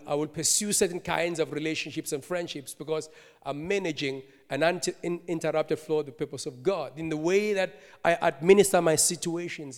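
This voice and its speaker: Male preacher, animated storyteller, higher register, reverberant hall. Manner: animated storytelling, laughing, rhetorical asides. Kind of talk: sermon.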